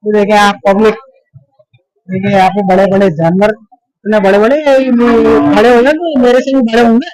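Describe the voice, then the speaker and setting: A Pakistani vlogger chats casually as he walks through a busy indoor livestock expo hall, repeating himself and joking with animals and passers-by. His voice is high-pitched and a little mellow, with fairly even intonation, normal speed and long pauses. There's no room sound, but the audio is poor.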